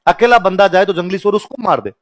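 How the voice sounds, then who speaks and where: A man's voice: high-pitched, quick pace. A man teaching history, telling stories, joking and quizzing the class. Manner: chatty, jokes and laughs. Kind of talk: history lecture with storytelling.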